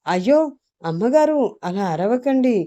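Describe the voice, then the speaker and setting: A woman voicing a nervous female house cook who warns in a hurried, hushed way. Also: a little high, animated, no echo, voice pushed up.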